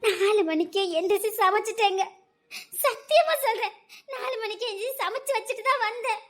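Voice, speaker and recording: A woman's voice: very high-pitched, brisk. A woman playing a devoted working wife who earnestly protests and tearfully pleads in a web drama. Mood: pleading. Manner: earnest, pleading protests, sobbing through laughter.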